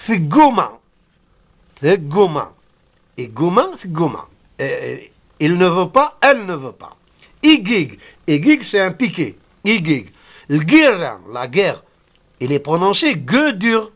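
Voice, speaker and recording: A man's voice: high voice, sing-song, measured pace, highs cut off. A man whose first language is Kabyle gives a patient spoken lesson, repeating each word and sounding it out. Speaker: language teacher.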